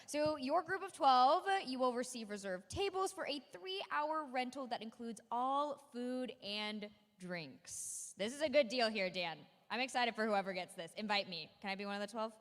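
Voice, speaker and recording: A woman's voice: fairly high pitch, lively intonation, moderate pace, few pauses. A woman co-hosting a gala auction, chatting about each prize in an upbeat way with casual asides. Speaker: gala co-host presenting auction items. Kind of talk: casual emcee presentation. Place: large hall at a school gala. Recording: long hall reverb.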